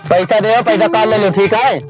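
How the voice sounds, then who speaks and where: A man with an Awadhi accent and a high voice plays in a rustic comedy sketch. He whines, pleads and grumbles. Music plays clearly under him. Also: moderate pace, low-quality recording. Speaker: comic actor.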